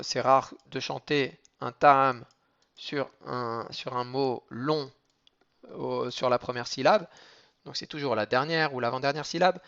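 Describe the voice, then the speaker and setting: A man gives a patient lesson on cantillation marks, moving through each rule step by step. He breaks into slow chanted examples between the explanations. His voice sits a little high, and the recording sounds dull and lo-fi. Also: fairly bright tone. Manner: explains rules step by step, then chants Hebrew examples slowly. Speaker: teacher of Torah cantillation.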